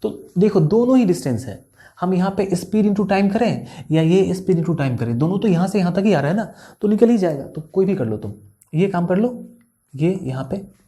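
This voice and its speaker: A young adult man with an Indian accent, a maths tutor explaining word problems in a chatty, teasing way, tired and speaking softly. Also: on the high side. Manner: chatty, teasing, talks straight to students, reads problem text aloud slowly. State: tired, speaking softly after a full day of recording. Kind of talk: casual classroom explanation while writing on a board.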